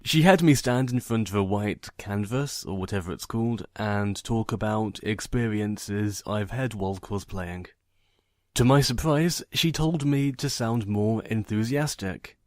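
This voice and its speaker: A man with a fairly low voice speaks in a plain, monotone way. His delivery is matter-of-fact and deadpan, like a personal vlog told to a microphone. The sound is dry, with very little room in it. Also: a little slow, no room sound. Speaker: narrator and video creator. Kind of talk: personal vlog monologue, voice only.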